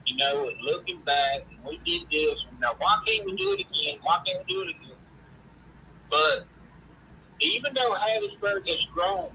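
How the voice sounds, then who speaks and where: Bright, high-pitched man with Mississippi drawl. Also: slight background noise, low-quality recording. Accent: Southern US, Mississippi. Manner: folksy Southern drawl. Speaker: sports show host. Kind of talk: casual sports chat.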